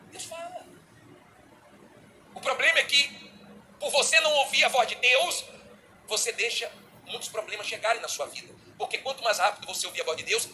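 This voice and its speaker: A middle-aged man with a Brazilian Portuguese accent preaching a sermon as a bishop, animated, acting out little dialogues. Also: high voice, slight background noise, rough recording.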